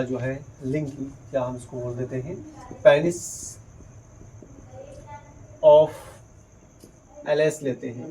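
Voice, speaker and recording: A man's voice: on the high side, mellow, a little hiss or hum, poor audio. A man teaching a biology lesson at a board, explaining step by step and asking questions he then answers himself. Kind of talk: whiteboard lesson.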